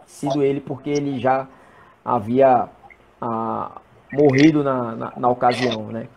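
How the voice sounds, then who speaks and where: A man, a presbyter and guest, talking in a measured, hesitant way in a casual live chat about the Bible. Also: mid-range voice, steady tone, gravelly, darkish tone, slight background noise.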